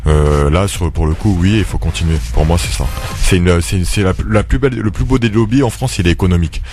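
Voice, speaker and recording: A man speaking as a guest in a casual radio panel discussion, quick and hesitant, with many restarts. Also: sits low, a little mellow, slight background noise.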